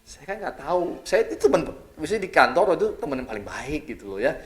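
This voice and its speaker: A middle-aged Indonesian pastor with a fairly high-pitched voice preaches in a relaxed, conversational way. He's lively and chatty, frequently ending his phrases with a quick "ya".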